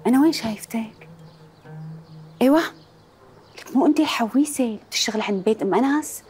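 A woman's voice: on the high side, quick pace, faint music behind, lightly acted. An actress playing a kind widowed older lady who coaxes the servant home, speaking with a Damascene Arabic accent. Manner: gentle, coaxing.

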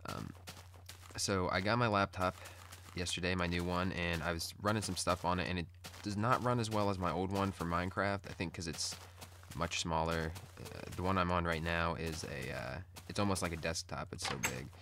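A man's voice: low-pitched, steady tone, moderate pace, a bit bright. A man with a morning voice chatting casually in a rambling, laid-back gaming update, on poor-quality audio. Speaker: gaming video host. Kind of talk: casual Let's Play update chat. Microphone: recorded through screen-capture software. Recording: poor audio with background noise.

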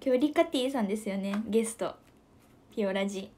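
A young woman with a Kansai accent, hosting a casual livestream. She chats about viewer comments in a giggly, soft-spoken way and often drops to a near whisper. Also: medium pitch, fast talker. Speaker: idol livestream host.

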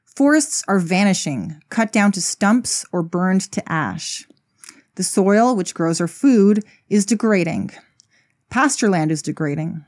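A woman's voice: medium pitch, darkish tone. A woman giving a casual spoken video essay, blunt and sarcastic, with frequent swearing.

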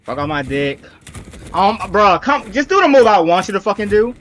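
A man's voice: high-pitched, big pitch swings, moderate pace, fairly bright tone, slight background noise. A young man giving exasperated, profane live commentary on his own gameplay. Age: young adult. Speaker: gaming streamer. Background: game music.

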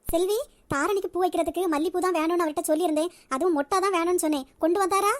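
A woman doing a cartoon grandmother who fusses over her grandchild and orders the household about. The voice sits very high and rattles along at a quick clip. She is fussy and doting at once. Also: no echo. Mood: bossy. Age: older. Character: affectionate elderly grandmother, head of the family. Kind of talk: cartoon voice acting.

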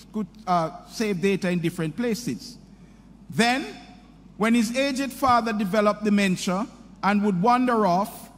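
A middle-aged man at a podium formally introducing a commencement speaker, reading a prepared script in a measured, sing-song delivery. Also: high voice. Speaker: university president introducing the speaker. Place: large hall, speaking at a podium. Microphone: podium microphone. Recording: hall reverb with faint ambience.

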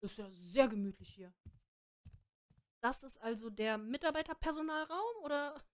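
Female game streamer, slightly high voice, playful running commentary, reacts aloud, close desk microphone. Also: lively intonation, moderate pace. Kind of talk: gameplay commentary with live German translation of dialogue. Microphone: desk microphone close to mouth, headset on.

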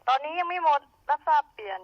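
A man's voice coming through a handheld two-way radio, high and quick, with short clipped replies. The sound is dry and dulled by the little radio speaker. He signs off each turn with "over", like a radio operator checking in. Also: lively intonation, dry recording, lo-fi sound. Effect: heard through a handheld two-way radio speaker. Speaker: radio operator answering a call. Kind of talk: two-way radio call and reply, ending with "over".

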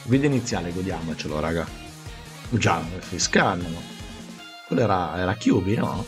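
A man's voice: deep voice, animated, normal speed, music in the background. A man giving casual, joking commentary while playing a video game, reading its dialogue aloud. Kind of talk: casual let's-play commentary.

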